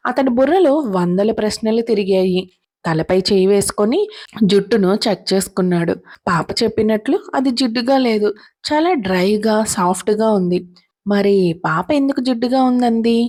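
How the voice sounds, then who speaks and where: A woman telling a serialized story in a steady, even narrating manner. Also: medium pitch.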